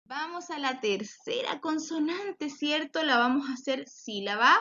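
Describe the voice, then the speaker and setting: A woman's voice: sits high, animated, bright, forceful tone. A woman teaching a children's phonics lesson, drawing out each word and praising often. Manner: slow, drawn-out words for children, encouraging praise. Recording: dull lo-fi sound.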